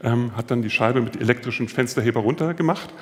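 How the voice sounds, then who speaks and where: Male preacher, mid pitch, casual anecdotal sermon, long church-hall reverb. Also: quick pace. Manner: storytelling, acting out quoted voices.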